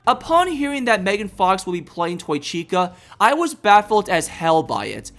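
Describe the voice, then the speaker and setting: A man's voice: sits high, very animated, normal speed, fairly bright tone. A man hosting a video, delivering scripted review commentary.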